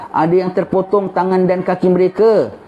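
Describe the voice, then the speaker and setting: A man's voice: sits high, steady tone, moderate pace. A man teaching a live religious lecture, repeating phrases and prompting his listeners with "ya" and "ha?". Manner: repeats phrases, tag "ya" and "ha?" to the audience. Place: gathering with children present. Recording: muffled lecture recording with faint hiss.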